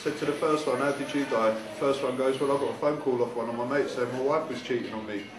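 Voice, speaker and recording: Fast-talking man telling a pub joke. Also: medium pitch, steady tone, noisy background. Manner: brisk, acts out pub characters. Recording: echoey room with crowd.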